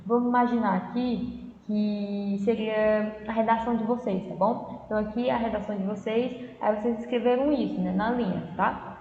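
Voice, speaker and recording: A Brazilian woman teacher with a Brazilian Portuguese accent gives a remote class lesson, explaining patiently and frequently checking in with her students. Her mid-range voice keeps a fairly even intonation at a moderate pace. The audio is dull and lo-fi, with an echoey room and faint noise.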